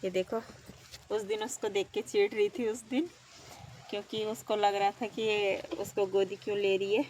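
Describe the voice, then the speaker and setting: A woman from Uttarakhand with an Uttarakhandi Hindi accent vlogging her village life outdoors, chatting to viewers and calling loudly to her cows. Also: mid-range voice, expressive, normal speed, slight background noise. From Uttarakhand, India. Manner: chatty, switching to loud coaxing when calling her cows. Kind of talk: casual daily-life vlog narration. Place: outdoors around a village home and cowshed.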